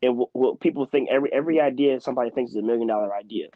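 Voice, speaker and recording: A Philadelphia man in his twenties, speaking as a guest in a casual interview, builds his points with animated, emphatic energy at a racing pace. His voice is medium-pitched and mid-range, captured close and dry with no room sound and a slightly muffled, dull tone.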